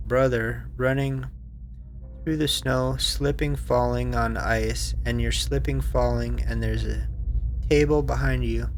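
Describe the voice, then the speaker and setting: A man hosting a game playthrough, reading the story text aloud in an even way, with small stumbles and asides. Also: medium pitch. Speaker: let's play host.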